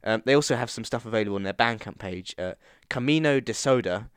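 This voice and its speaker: A man's voice: medium pitch, fast, clear, resonant tone, no room sound, studio quality. A man from England hosting a music podcast, chatting loosely and rambling, often laughing. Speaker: podcast host. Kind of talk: casual chat.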